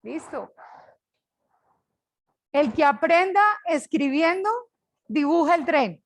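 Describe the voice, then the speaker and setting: An older woman from Colombia with a Colombian accent, teaching a class with a lively, joking manner. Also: sits high, slow, poor audio. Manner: lively, jokes with students. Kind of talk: online class lecture.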